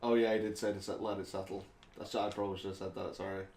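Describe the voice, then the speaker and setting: A man with a low voice chats casually at the game table, quick to own up to his mistakes. Echo fills the room, with faint noise behind him. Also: level tone, gravelly, a little mellow. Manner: chatty, apologetic. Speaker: player.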